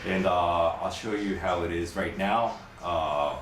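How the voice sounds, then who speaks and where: A man's voice: low voice, a little slow. A man vlogging outdoors by a city river and chatting with passers-by, hesitant with many filler uhs. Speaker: vlogger and street interviewer. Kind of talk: casual walking vlog and street chat. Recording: loud street and traffic noise outdoors.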